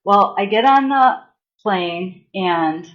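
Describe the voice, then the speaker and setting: A woman's voice: medium pitch, expressive, lo-fi sound. A woman spiritual healer and massage therapist, talking casually on a live stream with fillers and restarts, and leading a guided meditation. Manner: chatty, halting, with fillers and restarts.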